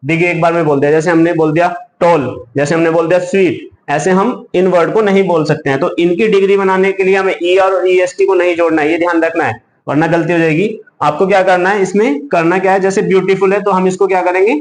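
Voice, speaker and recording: A man's voice: high-pitched, steady tone, fairly quick, hardly any pauses. A male teacher giving a grammar lesson, spelling words out letter by letter and answering his own questions. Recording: echoey room, faint background hum.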